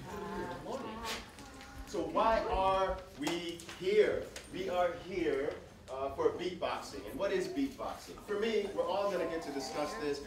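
A man leading a workshop, coaching a group through breathing and voice warm-ups with short encouraging prompts, often checking in with "right?". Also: on the high side, expressive, measured pace, a crowd in the background. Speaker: workshop leader. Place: large room with an audience. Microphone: handheld mic, off-mic at times. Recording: echoey room, distant mic, audible noise.

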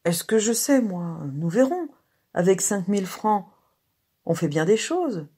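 A cheeky, spirited young working girl in a spoken tale, quick to tease and bubbling with plans, as a woman puts her on. Her voice comes out breathy, pitched well above the reader's own, and bright with loud bursts. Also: very animated. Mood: excited. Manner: brisk, mocking, eager. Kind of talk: dramatized story reading.

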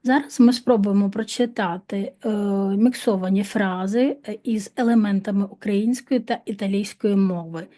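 Hesitant woman teaching, mellow voice. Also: mid-range voice, moderate pace, hardly any pauses. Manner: hesitant, frequent fillers and restarts. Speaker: Italian language teacher. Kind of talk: online language lesson, drilling phrases.

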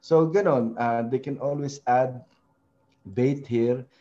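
This man talks slowly in a warm, mid-range voice while hosting a laid-back web design tutorial. He hesitates, leans on fillers and tag questions, and switches between Tagalog and English as he shares his screen; the sound quality is lo-fi.

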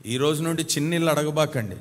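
A male pastor with a fairly high voice preaches with dramatic storytelling, swinging up into loud, emphatic calls. His voice rings out with the long reverb of a large church hall. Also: fast talker. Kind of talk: sermon.

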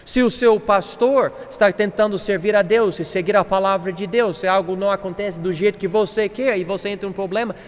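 A man preaching a sermon as pastor, earnest and swelling louder for emphasis. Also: sits high, steady tone, brisk, few pauses, in a large hall, a little hiss or hum.

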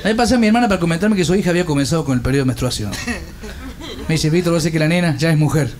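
A man from Córdoba, Argentina, with a Cordoban accent, telling rapid-fire stand-up jokes and doing the characters' voices. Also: on the high side, darkish tone. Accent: Cordoban Argentine Spanish. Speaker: stand-up comedian.

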